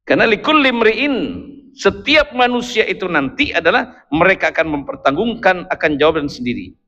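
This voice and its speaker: A man's voice: high voice, animated, a little fast, bright, forceful tone. A male preacher giving a sermon, telling a story with playful asides to his listeners. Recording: dull, echoey hall recording.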